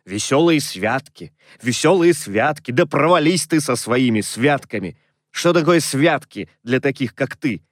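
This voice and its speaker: A man's voice: expressive, no room sound, studio quality. Scrooge, a grumbling old miser, as a man puts him on. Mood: indignant. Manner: grumbling, scornful, slow and low. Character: miserly, grumpy old male moneylender. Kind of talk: audiobook character reading.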